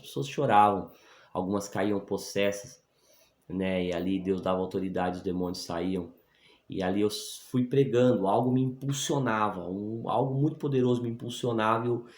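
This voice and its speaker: A man's voice: low voice, darkish tone. A man, a pastor, telling his conversion story in an earnest, emphatic way and often asking "né?" for his listeners' assent. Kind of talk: personal conversion testimony. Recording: echoey room.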